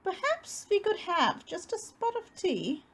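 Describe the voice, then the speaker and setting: Small storybook mouse played by a woman: very high, lilting, courteous, apologetic yet persistent. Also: huge pitch swings, a little slow, exaggerated voice. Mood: polite, meek. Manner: courteous, apologetic, gently pleading. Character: small, polite, persistent male mouse visitor. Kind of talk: children's storybook read-aloud.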